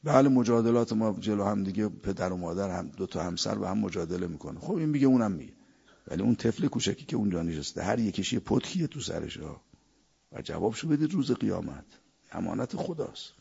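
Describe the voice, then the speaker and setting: A man's voice: lowish voice, expressive, gravelly, dark tone, husky, highs cut off. A man preaching a sermon, quoting verses in Arabic and telling anecdotes. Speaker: cleric.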